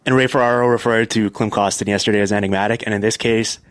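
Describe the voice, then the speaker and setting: A man hosting a casual sports podcast chat, talking quickly with lots of filler words. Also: on the low side, steady tone, no echo. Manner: fast, chatty, filler-heavy. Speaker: podcast host.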